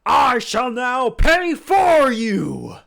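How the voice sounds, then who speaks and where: A man voicing a big, dopey sweet himbo who is loudly and aggressively positive in a tabletop game. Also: very high voice, wildly swooping pitch, extremely slow, creaky, voice pushed up, full character voice. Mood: jubilant. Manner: dopey, sweet, bombastic and earnestly loud.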